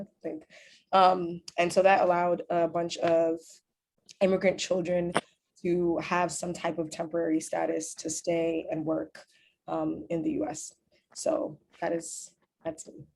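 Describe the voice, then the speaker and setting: A woman's voice: lowish voice, vocal fry, a little mellow. A woman in her twenties, from Uganda and raised in New York, moderating an online panel in a chatty, upbeat way. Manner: chatty, upbeat, many fillers like "like". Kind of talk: casual panel talk over video call. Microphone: video call.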